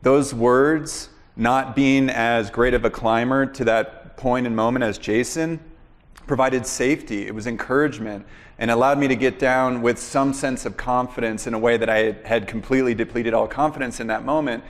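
A man's voice: medium pitch, steady tone, big-room sound. A man hosting an interview, telling a long story in a rambling way with many fillers. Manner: rambling, fills pauses with "you know" and "uh". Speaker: podcast host interviewing a guest.

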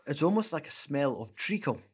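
A man talks casually as co-host of a beer podcast, blunt and joking. His voice sits a little higher than most men's. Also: sing-song, a little fast, husky. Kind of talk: casual chat.

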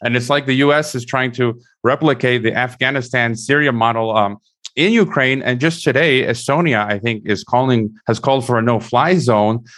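This interview host, speaking from home, has a medium-pitched, fairly bright voice and a normal speaking speed. Repeated words and restarted sentences run throughout his side of the discussion.

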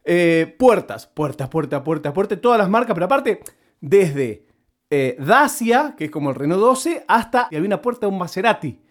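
A man's voice: high-pitched, sing-song, moderate pace. A man with an Argentine Spanish accent, telling a story in a casual monologue and repeating words for comic effect.

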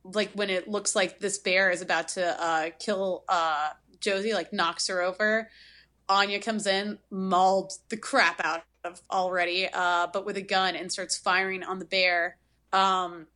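A woman's voice: mid-range voice, unhurried. A woman casually recapping a horror film on a podcast, rambling with lots of fillers. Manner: rambling, filler-heavy, animated retelling. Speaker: podcast co-host.

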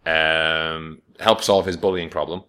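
A man's voice: rumbling low, steady tone, unhurried, pushed and bright, smooth. A man co-hosting a film podcast, reviewing in casual chat with dry, sweary humour.

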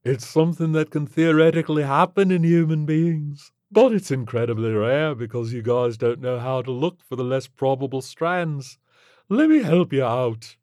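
A man voicing a laid-back male tentacled alien who drawls in relaxed slang. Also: medium pitch, moderate pace, dry recording, studio quality, voice pushed up, close to an everyday voice.

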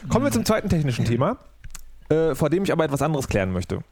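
Male podcast host, casual and self-ironic, very animated intonation, dry close sound. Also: fairly high pitch, fast talker, no room sound. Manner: self-mocking, rambling, laughs often. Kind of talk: casual chat. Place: home studio.

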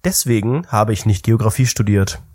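A man's voice: fairly low pitch, normal speed, a little mellow, no echo. A young man co-hosting a podcast in casual chat, rambling and searching for words as he talks. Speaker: podcast co-host.

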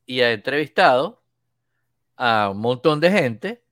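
Man, casual storytelling, animated, dry close sound. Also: mid-range voice, slow, no room sound. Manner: animated storyteller, acts out quoted voices. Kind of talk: casual chat.

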